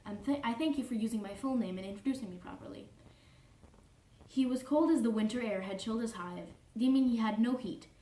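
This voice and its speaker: Fussy pedantic troll guy, a woman doing him, mellow voice, kinda far from the mic in a roomy space. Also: on the high side, fairly quick, lightly acted. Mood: prim, fussy. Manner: pedantic, formal, constantly correcting and apologizing. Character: prim, fussy, easily offended young male troll. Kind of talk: cosplay character reading fanfiction aloud. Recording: roomy echo, distant mic, faint noise.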